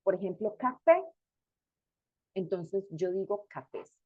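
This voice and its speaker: A woman's voice: lowish voice, expressive, takes it slowly, narrow, tinny audio. A woman teaching a grammar class, explaining step by step and repeating each example word. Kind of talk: recorded lecture.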